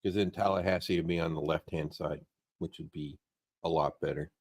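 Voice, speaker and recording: A man with a deep voice comments casually on the weather for a live stream. His delivery is informal and conversational. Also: steady tone, brisk, a little mellow, breathy edge.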